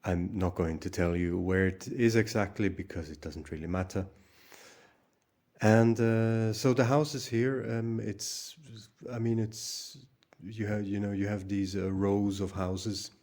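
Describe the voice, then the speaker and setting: A man with a lowish, mellow voice talks to camera for his own channel. He rambles and starts over often, with plenty of ums and uhs. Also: fairly even intonation, a little slow. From Hungary. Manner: rambling, many fillers and restarts. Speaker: channel host. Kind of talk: casual monologue vlog.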